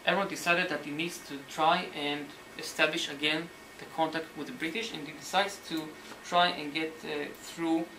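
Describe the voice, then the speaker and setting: A man lecturing on history as a story, animated and sometimes searching for words, acting out the quotes. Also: a little high, normal speed, hardly any pauses. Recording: roomy hall, mic at a distance, faint noise.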